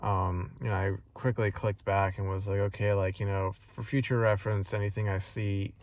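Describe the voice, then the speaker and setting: A man's voice: fairly low pitch, level tone, moderate pace, a little mellow, no room sound. A man talking in a casual vlog monologue, rambling with many fillers and restarts, earnest and frustrated. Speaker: vlogger.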